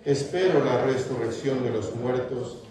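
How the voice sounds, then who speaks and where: A man, a priest, leading Mass prayers with measured liturgical recitation in a church sanctuary. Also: medium pitch, a crowd in the background. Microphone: far camera. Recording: echoey church from far off, congregation audible.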